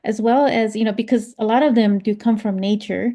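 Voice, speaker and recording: A woman's voice: fairly high pitch, fairly even intonation, a little fast, mellow. A woman hosting a podcast interview, agreeable and chatty, full of fillers and affirmations. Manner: agreeable, lots of backchannel, filler-heavy. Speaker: podcast host. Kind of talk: casual interview chat.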